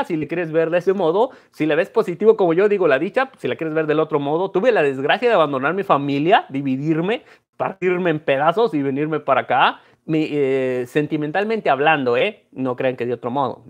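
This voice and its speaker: A young man from Mexico with a Mexican accent talks to his audience in a loose, reflective vlog style. His voice sits a little higher than most men's, and he speaks conversationally, mixing in Spanglish words. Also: animated, normal speed, highs cut off. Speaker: numismatics vlogger. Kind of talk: casual talk to camera.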